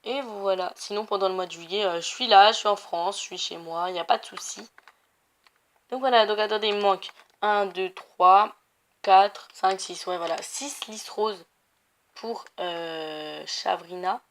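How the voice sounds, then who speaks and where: With a mid-range voice and a slightly slow delivery, this young woman of Portuguese background chats through a video game session. She's a gaming YouTuber offering casual commentary that meanders, thick with fillers and self-corrections.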